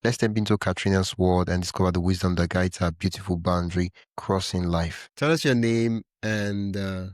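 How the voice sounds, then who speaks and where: A man's voice: sits low, normal speed, few pauses, no echo, clean studio sound. A man hosting a podcast interview, enthusiastic and given to hesitant restarts. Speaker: podcast host.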